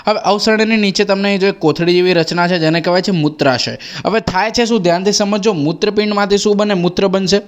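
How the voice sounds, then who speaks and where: A man's voice: high voice, fast, hardly any pauses. A young man with a Gujarati accent teaching an exam-prep biology lesson, asking questions and answering them himself, repeating each key term. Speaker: biology tutor.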